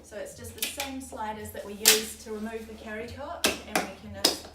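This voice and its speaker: A woman's voice: fairly high pitch, fairly even intonation, moderate pace. A young woman with a New Zealand accent, casually demonstrating a product and chatting with frequent ums. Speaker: store presenter demonstrating a stroller. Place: baby store. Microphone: camera mic at a distance. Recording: roomy, distant, loud background noise.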